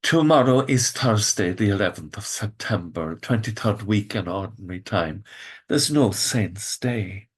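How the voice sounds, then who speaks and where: A man with an Irish accent giving a devotional reflection as a priest, reading scripture and commenting in a lilting, expressive storyteller manner with drawn-out emphasis. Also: lowish voice, slightly rough. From Ireland.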